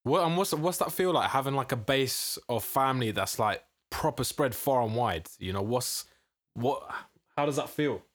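A man's voice: mid-range voice, animated, moderate pace, fairly bright tone, dry recording. A man asking questions as an interviewer in an informal, encouraging, conversational way, often agreeing.

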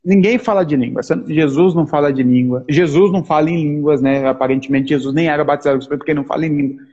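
A man, co-hosting a casual theological discussion, talking in an animated, emphatic way and repeating his points. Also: a little high, very fast, muffled recording. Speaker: podcast co-host.

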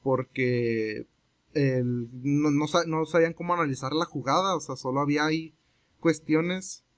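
A young Mexican man with a fairly high-pitched voice takes his time spinning a long story in casual conversation. He speaks with a Mexican Spanish accent, rambling in a relaxed way and acting out the voices and quoted exchanges of the people involved.

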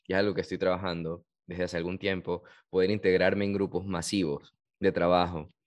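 A man's voice: low voice, little pitch movement, a little fast. A young man hosting an interview, talking at length in a reflective, self-critical way. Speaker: interview host. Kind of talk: casual interview chat.

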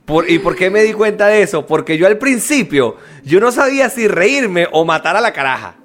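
A man's voice: high-pitched, moderate pace. A man with a Venezuelan accent, co-hosting a podcast in casual chat, telling stories animatedly and acting out the voices of the people in them. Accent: Venezuelan Spanish. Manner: animated storyteller, acts out quoted voices, laughs often. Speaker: podcast co-host.

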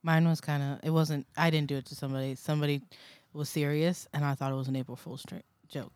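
A woman's voice: sits low, steady tone, fast talker, darkish tone, clean tone, no room sound. A young woman co-hosting a podcast, telling stories casually with laughs and swearing. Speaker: podcast co-host. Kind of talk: casual chat.

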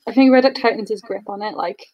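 A woman chatting casually as a player in a tabletop game, informal, animated and questioning. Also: mid-range voice, brisk.

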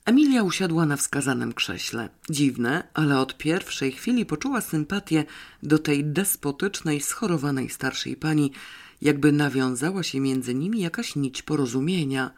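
A narrator reading a classic mystery novel aloud. The delivery is measured and even, in a middle pitch, moving steadily through the story. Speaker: audiobook narrator. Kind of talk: scripted audiobook narration.

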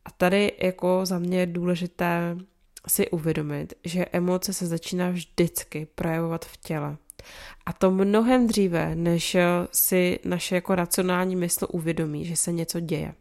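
A young woman talks through her topic in a relaxed podcast style, with frequent little fillers. Her voice sits on the low side and stays fairly level, without much rise and fall. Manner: conversational, many fillers like "jako" and "eh". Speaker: podcast host, psychology topics. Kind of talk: calm explanatory podcast talk.

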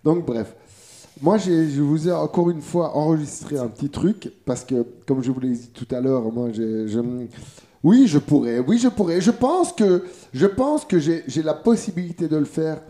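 A man who is a guest on a casual podcast, excitable and swearing freely. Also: a little high, moderate pace.

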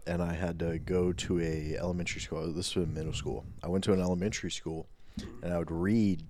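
A man's voice: sits low, fairly even intonation, a little fast, mellow, a little hiss or hum. A young man co-hosting a podcast, telling stories and tossing out joking quips. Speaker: podcast co-host. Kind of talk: casual chat.

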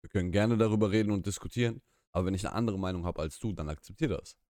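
Speaking rapid-fire in a low, slightly mellow voice, this podcast co-host, a young man whose native tongue is Russian, rambles through a casual live-streamed chat in a small room, voicing opinions and restarting himself often. The sound is studio quality with no room sound.

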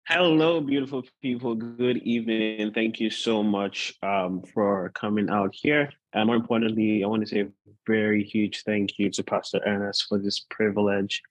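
Low, unhurried male preacher. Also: steady tone, dry recording, rough recording. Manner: unhurried, measured delivery with deliberate repetition. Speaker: guest pastor, teacher. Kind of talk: sermon, informal preaching to an online gathering.

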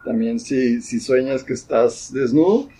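Young man, Mexican accent, casual chat, laid-back, slangy, dark voice, husky. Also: mid-range voice, expressive, measured pace, rough recording. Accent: Mexican Spanish.

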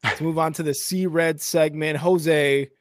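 A man hosting a casual sports podcast, upbeat and quick to laugh. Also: fairly high pitch, steady tone, no room sound, studio quality. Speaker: host.

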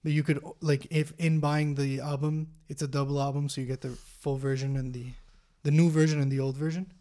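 Man, mellow tone, flat delivery, relaxed podcast chat. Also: a little high, brisk. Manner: relaxed, informal, with fillers. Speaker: podcast co-host. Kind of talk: casual chat about albums.

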